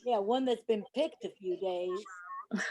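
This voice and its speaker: A woman's voice: mid-range voice, slow pace, mellow, no echo. An actress playing a fragile, flirtatious, nervy genteel woman with an affected manner in a stage play. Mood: flustered. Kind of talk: stage play acting over a remote reading. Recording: noisy home recording.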